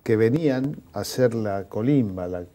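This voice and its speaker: Mellow-voiced interviewer. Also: male voice, on the low side, lively intonation, moderate pace. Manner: reflective, discursive, explanatory. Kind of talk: cultural conversation, interviewer.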